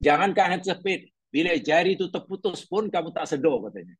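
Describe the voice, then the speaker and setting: Middle-aged guy giving a religious class, husky voice, dry close sound, chatty and storytelling. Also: sits high, quick pace, dry recording. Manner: conversational, questioning the audience, storytelling. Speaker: religious teacher.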